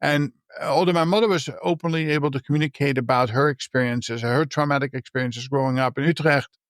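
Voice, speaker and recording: A man from the Netherlands, a coach and mentor, telling his life story in a podcast interview in an earnest, halting way with frequent restarts. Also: mid-range voice, steady tone, dry recording, clean studio sound.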